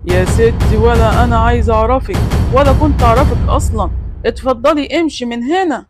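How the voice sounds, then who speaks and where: Brusque middle-aged Egyptian husband, voiced by a woman, rapid and clipped, over a music bed. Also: a little high, natural voice. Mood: annoyed. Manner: brusque, dismissive. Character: middle-aged man denying he knows his daughters.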